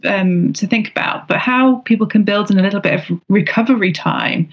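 A woman from Britain co-hosting a wellbeing podcast, speaking calmly and reflectively, repeating phrases for emphasis. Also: medium pitch, normal speed, dull audio. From United Kingdom. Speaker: podcast co-host. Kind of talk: casual podcast discussion.

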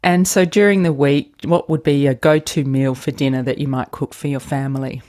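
A woman's voice: a bass voice, fairly even intonation, normal speed, warm tone. A middle-aged woman hosting a podcast interview, asking questions and chatting with short friendly acknowledgements. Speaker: podcast host.

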